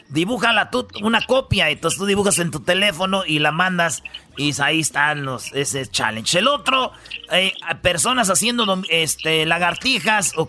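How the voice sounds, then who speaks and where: Guy joking around on a radio comedy show, high bright voice, slangy.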